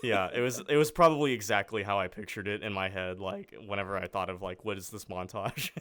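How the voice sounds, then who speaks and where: Animated, laughing young male podcast host. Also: lowish voice, brisk, no echo. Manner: laughs often, lots of "like" fillers. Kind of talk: casual podcast chat.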